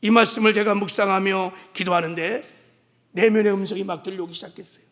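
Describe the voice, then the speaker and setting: A man, a senior pastor, preaching with emphatic repetition that builds to shouts in a church sanctuary. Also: high voice, steady tone, quick pace. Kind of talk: sermon. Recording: long reverb of a large hall.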